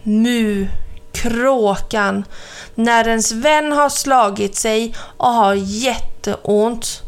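A woman voicing a gentle, plaintive mother cow in a children's story, talking softly and a little slowly. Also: fairly high pitch, clean tone, close to an everyday voice.

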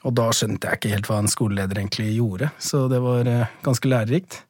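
Guy, principal on a podcast, lots of ehs and pauses, dry close mic. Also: mid-range voice, a little mellow, no room sound. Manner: thoughtful, hesitant with frequent fillers. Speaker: school principal and author. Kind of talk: podcast interview.

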